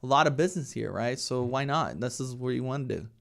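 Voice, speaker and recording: This animated, fast-talking man has a mid-range voice that's creaky and a bit bright. In his thirties and from Brazil, with a Brazilian Portuguese accent, he chats casually as an interview guest about his work leading a real estate team, frequently capping statements with "right?".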